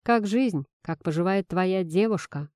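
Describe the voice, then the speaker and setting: A blunt, protective young woman in an audiobook, read by a woman narrator, clipped and dry in her delivery. The voice is mellow and warm. It sounds close and dry, with no room around it. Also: lowish voice, measured pace, dry recording, lightly acted.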